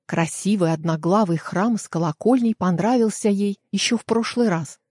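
A woman narrating a detective audiobook in a steady storytelling manner, on a close studio mic. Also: medium pitch, normal speed, no room sound. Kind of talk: scripted narration.

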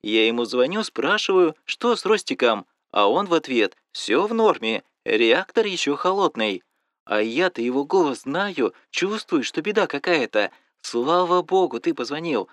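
A man's voice: fairly high pitch, very animated, moderate pace, a bit bright, no room sound. A man doing a fussing, nosy mother. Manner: fussy, coaxing, keeps asking questions. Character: worried, nosy middle-aged mother. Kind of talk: audiobook dialogue.

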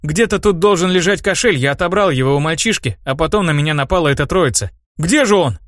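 A man's voice: fairly high pitch, expressive, quick pace, fairly bright tone, no room sound, studio quality, pitched above the performer's own voice. A man reading an audiobook and voicing a hot-headed teenage younger brother, defensive and sulky, his voice raised above his narrating tone. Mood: agitated.

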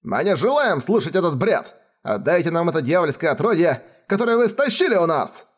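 A man voicing brutish shouting soldiers. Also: a little high, very animated, a little fast, slightly rough, voice pushed up. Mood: outraged. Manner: shouting threats. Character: rough loud male soldiers, bandit-like.

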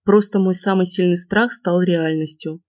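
A man reading the part of a tearful, anxious young woman student in an audiobook, in a soft pleading way. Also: sits high, steady tone, normal speed, dry recording, close to an everyday voice. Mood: upset. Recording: dull lo-fi dry recording.

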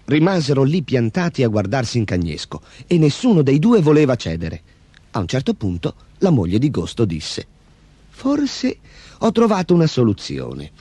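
A man narrating a fairy tale in an expressive, animated way. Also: mid-range voice, moderate pace, breathy edge, no room sound. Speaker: storyteller.

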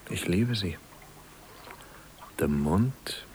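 An actor playing a devoted husband caring for his dying wife, speaking gently and often in a whisper, in a German radio play. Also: sits low, lively intonation, extremely slow, a little hiss or hum, full character voice. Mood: gentle.

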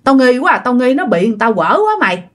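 A woman's voice: a little high, very animated, quick pace. Blunt, familiar old neighbor woman, voiced by a woman storyteller. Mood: blunt, urging. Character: blunt older female neighbor.

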